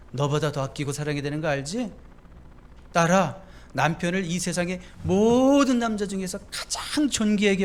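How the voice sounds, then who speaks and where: A male pastor voicing the Lord, speaking softly and tenderly. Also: on the high side, lightly acted. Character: gentle, pleading voice of the Lord.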